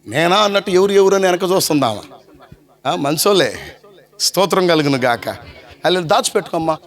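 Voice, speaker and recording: A man's voice: sits high, fairly quick. A man preaching a sermon, telling a story with acted-out voices and asking the congregation questions. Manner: animated storytelling, asks the crowd questions; acts out voices of story characters. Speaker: pastor.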